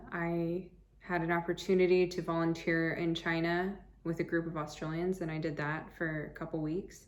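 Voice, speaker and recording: An American woman in her thirties from Arizona, talking casually to camera as a travel vlogger, chatty and upbeat with rambling restarts, seated indoors. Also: on the low side. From United States (Arizona). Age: 30s.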